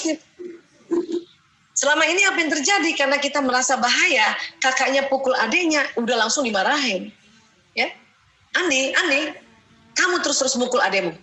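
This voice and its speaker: A woman's voice: high voice, bright, forceful tone, low-quality recording. A middle-aged Indonesian woman giving a chatty religious parenting lecture, acting out mothers' lines and checking in with "ya". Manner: chatty, acts out mothers' voices, frequent "ya" checks.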